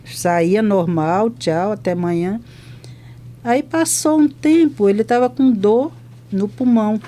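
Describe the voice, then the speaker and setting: A woman's voice: mid-range voice, unhurried. An older woman, a hospital chaplain from Brazil, telling testimony stories on a podcast and acting out both sides of each conversation. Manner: lively retelling that acts out both sides of conversations.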